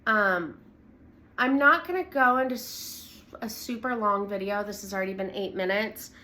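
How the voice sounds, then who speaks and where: A woman's voice: mid-range voice, moderate pace, pushed and bright. A young woman vlogger telling her own story in earnest, blunt, candid talk, with fillers and swearing. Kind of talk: candid direct-to-camera talk.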